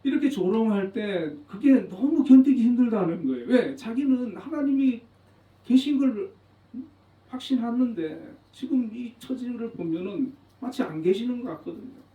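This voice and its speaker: A man's voice: very high-pitched, expressive, moderate pace. A man pastor delivering an earnest, emphatic sermon, repeating phrases for weight. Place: church sanctuary. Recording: roomy, distant, dull church recording.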